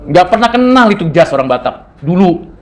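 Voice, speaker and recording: A man's voice: high voice, very animated, moderate pace. A man from North Sumatra giving a seminary classroom lecture in a conversational way, quizzing his students and dropping in English terms. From North Sumatra, Indonesia.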